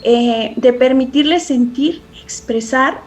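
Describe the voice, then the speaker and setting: High-voiced woman, earnest and reflective. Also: slow pace. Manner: earnest, reflective, frequent restarts and tag questions. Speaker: parenting guest expert. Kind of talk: conversational podcast interview.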